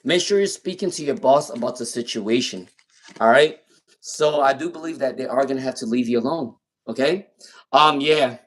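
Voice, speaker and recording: A man who speaks English as a non-native speaker, with an accent and a speech impairment, gives tarot readings live. His pitch is medium and his speed normal. While pulling cards, he keeps repeating names and questions.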